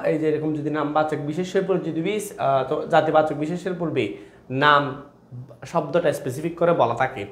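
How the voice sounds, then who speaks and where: A young man teaching grammar to exam students over a live online class, with a fairly high voice. He talks in a chatty, repeating way and calls his students brother. The sound is echoey, as if taken in a bare room.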